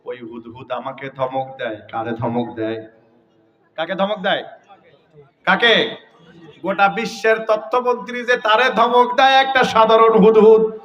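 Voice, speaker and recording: A man preaching a loud, emphatic sermon at a mahfil, calling on the crowd to answer and chanting Quranic verses. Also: sits high, steady tone, measured pace, long pauses, muffled recording. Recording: voice from far off the mic.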